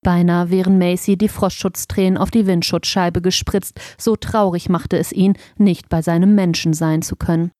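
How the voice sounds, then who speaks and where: A woman narrating a children's audiobook in a gentle, expressive storytelling manner. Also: on the low side, normal speed, few pauses, no room sound, clean studio sound.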